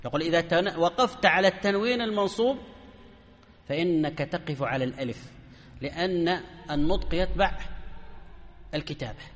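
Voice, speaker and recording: A man's voice: fairly high pitch, fairly quick, pauses often, big-room sound. A man teaching a grammar lesson to a class, often asking questions and answering them himself.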